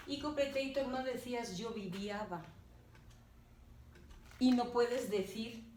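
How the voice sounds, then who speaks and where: A woman teacher gives a grammar lesson, talking slowly and deliberately and checking in with her students as she goes. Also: mid-range voice, darkish tone. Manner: slow and deliberate, checking in with "¿de acuerdo?". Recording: roomy, distant, faint background noise.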